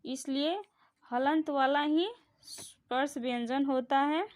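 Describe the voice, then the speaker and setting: A woman's voice: sits high, steady tone, takes it slowly. A woman teaching a grammar lesson, patiently repeating each sound aloud for the learner to copy. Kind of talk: classroom-style grammar lesson.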